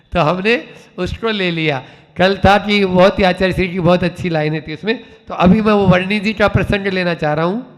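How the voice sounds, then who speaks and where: A man, a Jain monk, giving a slow sermon that repeats emphatic refrains as he teaches. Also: sits high, long reverb tail.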